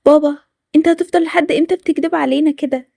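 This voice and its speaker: A woman's voice: high voice, steady tone, fast talker, creaky, dark tone, no echo, clean studio sound. A woman with an Egyptian accent voicing an earnest young girl who learns her father is a thief, in a Toca Boca story. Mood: pleading. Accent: Egyptian Arabic.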